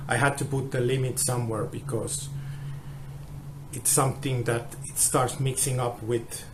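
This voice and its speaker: Man on a low-quality phone recording, flat and halting delivery, steady background noise. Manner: halting, with frequent restarts. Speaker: guitar tester. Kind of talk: explaining a measurement test.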